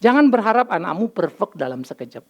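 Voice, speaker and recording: An older man, preaching a sermon as pastor, telling lively stories and acting out dialogue. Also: high voice, quick pace, vocal fry. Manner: lively storytelling, acts out dialogue, mixes in English phrases. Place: church.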